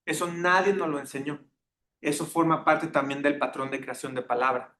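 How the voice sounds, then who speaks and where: A man's voice: normal speed, bright, forceful tone. A man giving a classroom lecture, engaging the class and checking in with tag questions. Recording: echoey classroom with faint rumble.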